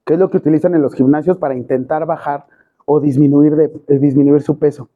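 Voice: mid-range voice, steady tone, fairly quick. Teacher with a Mexican accent, tinny. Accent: Mexican Spanish. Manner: quizzes students with constant rhetorical questions. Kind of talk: classroom lecture. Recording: tinny phone-quality recording.

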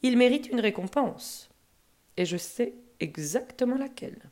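A woman's voice: on the high side, lively intonation, unhurried, a little mellow, voice pushed up. A woman voicing a kind male god who has taken the form of a great eagle, pleading and tender in a storybook reading.

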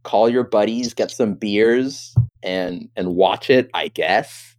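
A man's voice: on the low side, takes it slowly, darkish tone. A man in casual chat, telling a story with exasperation and acting out his own reactions.

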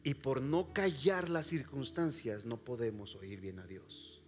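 A man preaching a sermon to a congregation, swinging from loud calls to hushed near-whispers and asking the listeners direct questions. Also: medium pitch, measured pace, soft background music. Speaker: pastor. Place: church service before a congregation.

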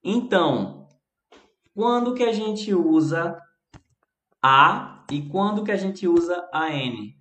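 A man's voice: high-pitched, animated, slow pace, fairly bright tone. A man with a Brazilian Portuguese accent, an English teacher giving a chatty live-streamed lesson and answering viewers by name. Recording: roomy echo.

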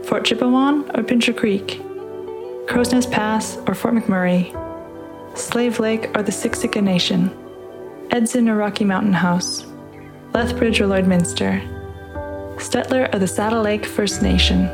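A woman reading a narrative piece aloud and introducing the program in a measured, deliberate way. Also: medium pitch. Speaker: podcast host and reader. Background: music underneath.

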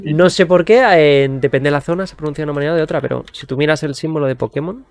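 A man's voice: fairly high pitch, fast talker. A man with a Spain Spanish accent hosting a casual streamer chat, rambling and thinking aloud with lots of fillers. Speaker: show host.

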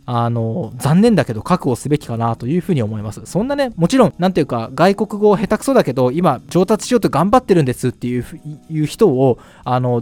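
Lively-voiced man hosting a language lesson. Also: a little high. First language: Japanese. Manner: chatty, many fillers, polite asides. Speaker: Chinese language course host. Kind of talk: casual explanatory monologue.

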